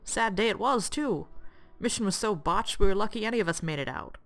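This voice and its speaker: A woman's voice: mid-range voice, lively intonation, brisk, lightly acted. A woman voicing a grumpy, folksy old man, a rebel quartermaster in a video game, with an old-timer's drawl. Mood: gruff, rueful. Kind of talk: hobby voice acting of a video game script. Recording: music behind the voice.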